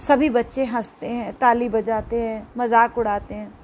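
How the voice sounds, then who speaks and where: A woman's voice: on the high side, steady tone, moderate pace, a little mellow, a little hiss or hum, poor audio. A woman teacher reading a children's story aloud as a lesson and explaining it to young pupils.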